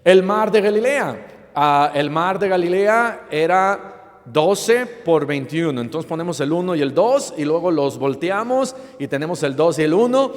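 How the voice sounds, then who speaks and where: A man preaching a sermon as pastor to his congregation, asking them playful rhetorical questions and often pausing with fillers and restarts. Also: on the high side, lively intonation. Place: church sanctuary. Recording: long reverb of a church hall.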